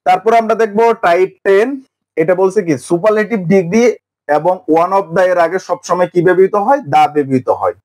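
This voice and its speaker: A man's voice: sits high, fairly quick, darkish tone. A young man teaches an English grammar lesson online, asking questions and answering them himself.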